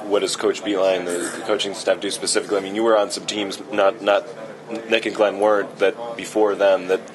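A man working as a reporter, putting a halting, rephrased question in an informal interview. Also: low voice, flat delivery, poor audio. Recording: crowd chatter behind the voice.

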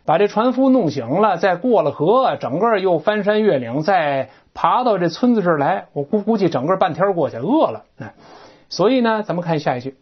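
A woman's voice: on the low side, animated, moderate pace, breathy edge. A woman teaching an English textbook lesson, explaining words and grammar with chatty asides and rhetorical questions. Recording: dull lo-fi recording.

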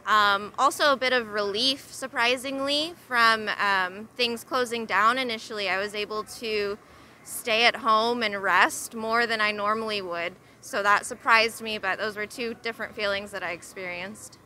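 Young woman, very bright voice, candid. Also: mid-range voice, fairly even intonation, moderate pace, slight background noise. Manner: candid, slightly hesitant. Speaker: passerby interviewee. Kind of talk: street interview answer. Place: outdoor city street. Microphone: handheld mic.

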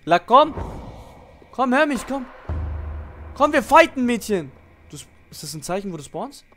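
High-pitched, animated young male game streamer. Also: moderate pace, a little hiss or hum. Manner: slangy, boastful trash talk. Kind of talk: casual live gaming commentary. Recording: music behind the voice.

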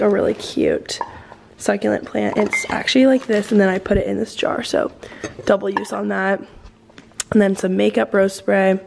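A young American woman talks casually to a handheld vlog camera like a bubbly sorority girl. Her voice sits at a middle pitch with noticeable creaky fry. There is some noise behind her. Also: darkish tone. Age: young adult. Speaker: student vlogger, sorority member. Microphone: handheld camera at arm's length. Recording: faint to clear background noise, handheld camera.

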